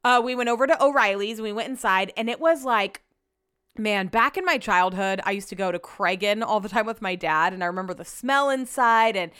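A woman's voice: mid-range voice, a little fast, a bit bright, smooth, no room sound, studio quality. A young American woman with a slight slushy lisp on her s sounds, chatting casually and slangily as she recounts stories on her own podcast. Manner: chatty, slangy, animatedly quotes herself and others. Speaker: podcast host.

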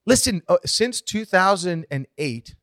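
Animated man explaining things. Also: a little slow, no echo, clean studio sound. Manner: animated, explains with big pitch swings. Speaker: podcast co-host. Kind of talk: casual chat.

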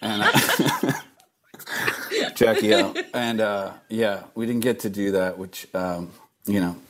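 A man guest in a casual chat, halting and laughing as he tells a story. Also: fairly low pitch, fairly bright tone.

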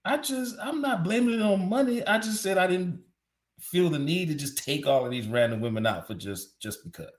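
A man's voice: high-pitched, expressive, moderate pace. A man in his thirties co-hosting a casual podcast, playful and teasing, laughing often. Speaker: podcast co-host. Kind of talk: casual chat.

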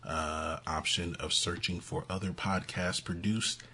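A man's voice: deep voice, fairly even intonation, measured pace, bright, forceful tone, slight background noise. A man co-hosting a casual music podcast, chatty and laughing often between points. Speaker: podcast co-host.

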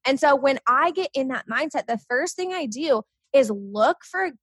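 A young woman talks in a relaxed, upbeat way, her speech quick to pile on fillers as she goes. Her voice sits a touch high. The recording is close and very dry, with no room sound. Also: no echo. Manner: upbeat, animated, many "like" fillers. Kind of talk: casual chat.

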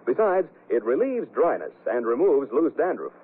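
A male radio announcer in a 1940s broadcast, giving formal, emphatic introductions and sponsor pitches with old radio broadcast sound. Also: very animated, normal speed, slightly rough. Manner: formal, emphatic sales delivery. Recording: tinny 1940s radio broadcast with faint music.

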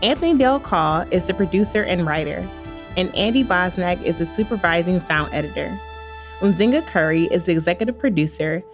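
An American woman reading a scripted podcast outro as an announcer. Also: lowish voice. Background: background guitar music.

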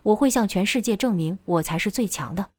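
A woman's voice: mid-range voice, animated, fairly quick, darkish tone, no room sound, natural voice. A woman voicing a sneering, resentful young lightning wielder. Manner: sneering, defensive.

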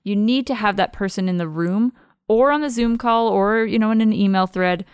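Woman podcast co-host, casual chat, upbeat, dry close sound, medium pitch. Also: normal speed, clear, resonant tone, no room sound. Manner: upbeat, laughs often.

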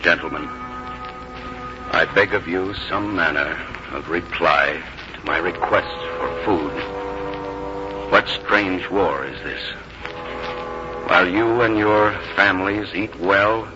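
An actor playing a weary, grave army general with solemn, measured oratory in a radio drama. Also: male voice, low voice. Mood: grave, bitter. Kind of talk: 1950s radio drama acting. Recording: dull 1950s radio recording, music behind.

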